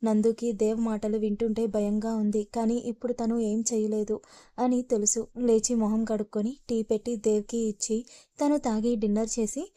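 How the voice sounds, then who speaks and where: A woman storyteller reading a romance story aloud in a steady, even way. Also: fairly high pitch, moderate pace, no echo. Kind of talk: story narration.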